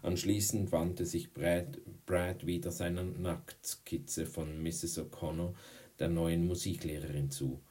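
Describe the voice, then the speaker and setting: A man narrating an audiobook in a measured, steady way. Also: sits low. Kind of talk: audiobook reading.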